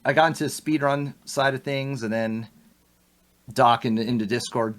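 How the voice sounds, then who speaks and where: A man's voice: mid-range voice, normal speed. A young man as a podcast guest, talking casually and animatedly, laughing often and restarting his sentences. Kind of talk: casual interview chat.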